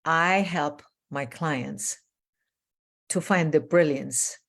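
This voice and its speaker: An older woman from Iran with a low voice and a gravelly edge to it. She hosts a coaching interview in a warm, effusive way, rambling through plenty of fillers. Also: extremely slow. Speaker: host, transformational coach. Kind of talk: casual interview chat.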